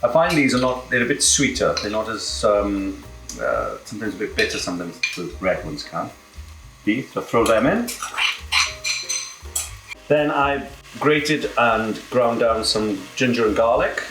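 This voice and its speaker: A man's voice: fairly low pitch, big pitch swings, unhurried, roomy sound, over music, low-quality recording. A British man with a camp, cheeky manner, casually presenting a cooking demonstration as a home cook. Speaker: home cook presenting own recipe show. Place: indoor kitchen.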